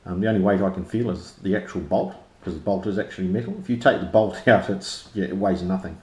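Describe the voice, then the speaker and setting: A man's voice: low-pitched, fast talker, warm tone. A man with a broad New Zealand accent giving a casual, unscripted product review in informal, slangy language. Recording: roomy, echoey sound.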